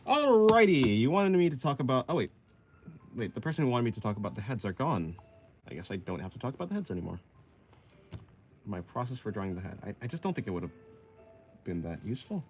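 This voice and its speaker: With faint music playing behind him, a man in his twenties draws on stream and casually answers viewers, reading their chat aloud. His medium-pitched voice swings widely in pitch, and he talks fast but pauses often.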